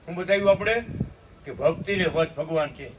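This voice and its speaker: A male preacher at a satsang, pitched fairly high, speaks from a distance from the mic, with faint room noise around him. He narrates a devotional story, chants hymn lines slowly, and asks those present "hum?".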